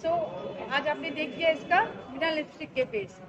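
A high-voiced woman in her thirties vlogs a road trip, talking straight to her viewers and teasing her friend. She films on a phone held at arm's length. Loud crowd and road noise run behind her the whole time. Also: steady tone, normal speed, dull audio. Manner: chatty, addresses viewers directly, playful teasing. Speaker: travel vlogger. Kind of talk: casual travel vlog narration. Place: in a car, at a roadside restaurant and outdoors.

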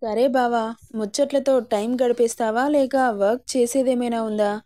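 A woman's voice: fairly high pitch, fairly even intonation, moderate pace, natural voice. A woman voicing a sweet young bride. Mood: coaxing. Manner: soft and coaxing, sometimes tearful.

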